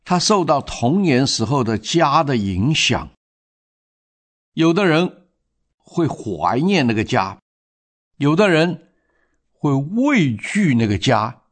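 A man narrating a moral story in a measured, reflective manner. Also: medium pitch, very animated.

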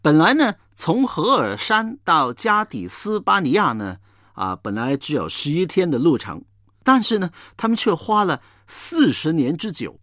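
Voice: medium pitch, unhurried, dry recording. Bible preacher telling the story, voice swings a lot, dry close mic. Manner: storytelling, animated retelling. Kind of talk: Bible teaching sermon.

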